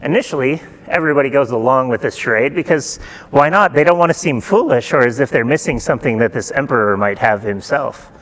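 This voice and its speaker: A middle-aged man preaching a sermon in a church, retelling a folktale in a relaxed, conversational way and asking the congregation questions. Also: medium pitch, fairly quick. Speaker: pastor. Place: church sanctuary.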